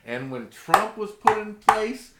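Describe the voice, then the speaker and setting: A man's voice: high voice, animated, slow pace. A man in a casual political argument, ranting in a profane, opinionated way. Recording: echoey room, noisy background, clicks.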